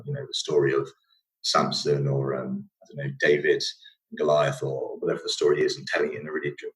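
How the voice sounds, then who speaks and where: A young man from the north of England, with a northern English accent, tells his story as a podcast guest in a rambling, casual way, with lots of fillers and restarts. His voice rumbles low, and the recording sounds rough.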